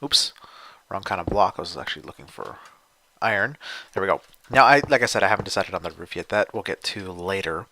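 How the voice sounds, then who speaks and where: A man's voice: sits low, animated, brisk, pushed and bright, slight background noise. A young man casually commentating as he builds in a video game, rambling and thinking aloud with frequent fillers. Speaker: gameplay video host.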